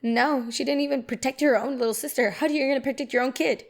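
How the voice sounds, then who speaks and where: A young woman hosting a reaction video, talking back to a clip in a lively, casual way and laughing often. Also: high voice, quick pace.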